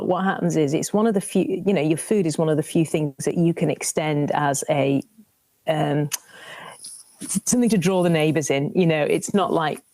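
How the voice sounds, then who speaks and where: A cookery presenter in her 50s from Lancashire, England, chats as a guest in a radio interview. Her voice is very low, and she tells stories in a warm, animated way, often restarting her sentences. The recording is dry and close, with no sense of room.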